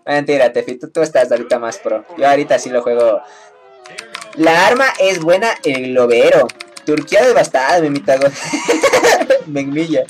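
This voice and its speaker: A woman's voice: low-pitched, expressive, normal speed, soft background music. A woman chatting casually with her viewers while she plays a video game, playful and teasing and laughing often. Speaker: game streamer. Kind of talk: casual live-stream chat while gaming.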